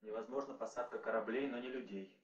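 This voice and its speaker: A man acts an impatient young cosmonaut in a vintage film drama. His mid-pitched voice is earnest and insistent. The soundtrack is muffled, with a strong room echo. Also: steady tone, quick pace, distant mic, slight background noise, close to an everyday voice. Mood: bitter, tense. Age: young adult. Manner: urgent, insistent. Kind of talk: 1960s Soviet film drama acting. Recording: dull, echoey old film sound.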